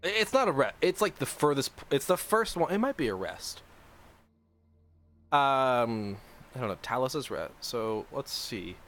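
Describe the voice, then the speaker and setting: A man's voice: mid-range voice, very animated, normal speed, fairly bright tone. A young man hosting a livestream, chatting casually and rambling with lots of swearing and restarts. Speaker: livestream host designing a game mod.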